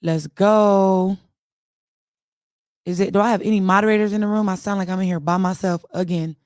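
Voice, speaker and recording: A woman's voice: medium pitch, fairly even intonation, very fast, darkish tone, no echo, studio quality. A young woman from Los Angeles with a Los Angeles accent, hosting an online audio room with blunt, profane, mocking commentary. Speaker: host. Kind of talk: heated casual commentary.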